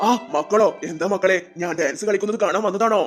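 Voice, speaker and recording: A performer voicing a poor, gentle old man who works in a Santa costume and speaks softly and tenderly. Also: mid-range voice, fast, over loud music, close to an everyday voice. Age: older.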